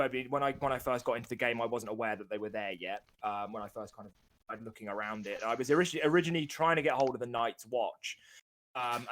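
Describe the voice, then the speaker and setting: A man's voice: medium pitch, fairly bright tone. A man, a gaming creator from England, answering casually with many ums and restarts.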